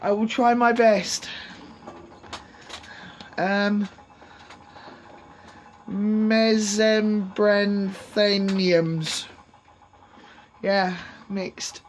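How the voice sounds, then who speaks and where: Filming on a tripod camera in her allotment greenhouse, a woman vlogger chats through a casual walk-through, rambling and umming, her throat sore and voice gruff. She speaks at medium pitch with fairly even intonation, very slowly and with frequent pauses. Lawnmowers and traffic hum behind the low-quality outdoor recording.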